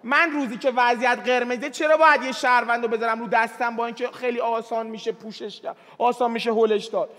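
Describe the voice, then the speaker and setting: A man competing in a party game show, arguing his case quickly and insistently. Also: very high voice, fairly even intonation, pushed and bright, in a large hall.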